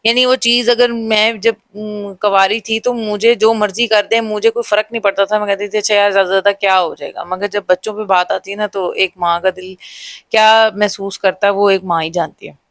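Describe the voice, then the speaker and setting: A woman's voice: medium pitch, steady tone, a bit bright, no echo. A young adult woman telling a first-person horror story in a dramatic way, speaking straight to her viewers. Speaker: storyteller vlogger.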